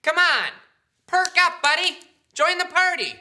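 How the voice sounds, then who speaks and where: An actor in his thirties playing a former high school quarterback, a boastful man stuck in his glory days. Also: animated, normal speed, pushed and bright, full character voice. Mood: rowdy. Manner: hearty, pushy cheerleading.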